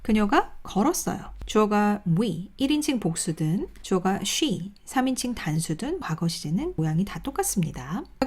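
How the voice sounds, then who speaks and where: A woman teaches English grammar in a recorded lesson, speaking. Her pitch moves a lot as she explains step by step. She reads vocabulary pairs slowly and clearly. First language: Korean.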